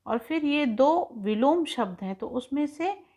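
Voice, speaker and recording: A woman teaching young children in an online class lesson, explaining each point slowly and patiently. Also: sits high, expressive, dark tone. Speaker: school teacher.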